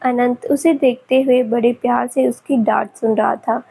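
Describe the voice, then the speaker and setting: Husky higher-voiced woman reading a love story, gentle and emotional. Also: steady tone, normal speed, low-quality recording. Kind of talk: scripted romance narration.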